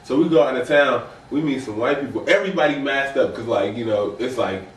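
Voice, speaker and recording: A man's voice: medium pitch, fairly quick, distant mic. A young man in his twenties, co-hosting a podcast, telling long slangy stories in casual chat. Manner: rambling storyteller, slangy, acts out quotes. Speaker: podcast co-host. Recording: roomy sound, off-mic, faint noise.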